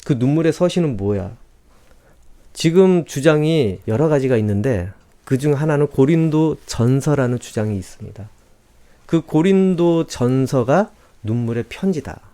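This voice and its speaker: A man's voice: medium pitch, warm tone. A male pastor giving a sermon in a conversational way, asking his listeners rhetorical questions and reading scripture aloud.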